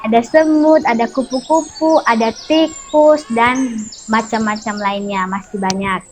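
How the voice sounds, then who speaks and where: A woman teacher narrates an animal fable to young children with a lively storytelling delivery. Her voice sits high, and faint outdoor sounds of birds and crickets hum behind her. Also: measured pace. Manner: lively, addressing pupils directly. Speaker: primary school teacher.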